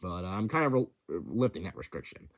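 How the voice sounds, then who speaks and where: A young channel host with a low-pitched, very animated voice briskly explains the rules of a creature-design contest in an unscripted rundown. Impulsive and enthusiastic, he stammers often, restarting and using plenty of fillers.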